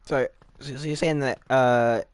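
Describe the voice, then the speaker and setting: A man's voice: mid-range voice, steady tone, a little slow. A man hosting a casual gaming podcast interview, chatting in an informal, jokey manner. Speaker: podcast host.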